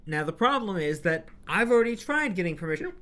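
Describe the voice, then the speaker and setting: A young adult woman with hiccups is recording audio drama narration, restarting lines and drifting into rambling, mildly exasperated asides, so the clip is blooper outtakes mixing scripted narration and chatter. Her voice is fairly low and fairly bright, brisk, with big swings in pitch.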